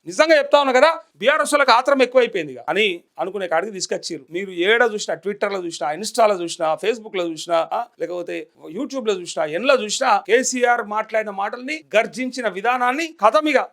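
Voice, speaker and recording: A man's voice: high-pitched, brisk, a bit bright. A man with a Telangana accent delivering heated political commentary, scolding and mocking with rhetorical questions. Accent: Telangana Telugu.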